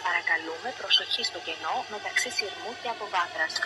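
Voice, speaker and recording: A woman's recorded announcement in a formal, measured manner, heard over a train loudspeaker. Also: lowish voice. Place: on a metro train. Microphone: picked up from a train loudspeaker by a handheld camera. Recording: distant loudspeaker with loud music.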